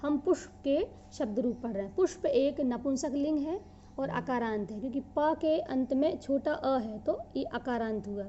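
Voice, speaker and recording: A woman teacher giving a grammar lesson, reciting word forms slowly and having the class repeat after her. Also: high-pitched, animated, warm tone, highs cut off, a little hiss or hum. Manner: measured, drawn-out chanting of word forms.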